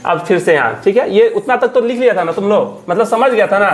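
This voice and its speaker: A woman's voice: medium pitch, expressive. A woman teaching an English reading lesson, spelling words letter by letter and drilling pupils with repeated questions. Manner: drills students with repeated call-and-response questions; reads English slowly word by word. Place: classroom. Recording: noisy classroom crowd. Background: class of children responding.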